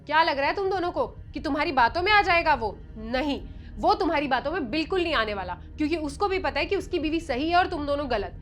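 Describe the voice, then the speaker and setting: A woman's voice: sits high, animated, fast, fairly bright tone, faint music behind. Woman playing a rude, bossy daughter-in-law. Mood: contemptuous. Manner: insulting, commanding.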